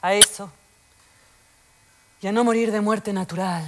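A woman's voice: medium pitch, steady tone, a little slow, noisy background, lightly acted. An actress delivering a stage monologue as a lonely, anxious woman turning forty who mocks herself. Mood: weary. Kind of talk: theatre monologue recording.

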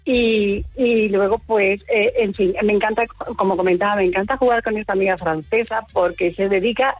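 Woman from Murcia, radio caller, rushed friendly chat, dry muffled line. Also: mid-range voice, fairly even intonation, no echo, soft background music. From Murcia, Spain. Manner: chatty, nervous and quick, with little laughs. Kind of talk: phone-in chat.

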